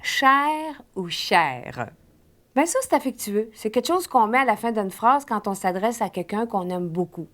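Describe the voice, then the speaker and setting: A woman with a Saguenay Québécois accent giving a mock language lesson, speaking slowly and drilling words for the class to repeat. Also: fairly high pitch. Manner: slow, deliberate drill-style teaching with repetition. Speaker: comic language teacher.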